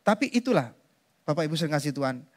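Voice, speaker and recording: An Indonesian pastor preaches a sermon to his congregation in a fairly high voice that swings widely and moves quickly. He keeps it loose and conversational, addressing them directly and tossing in asides.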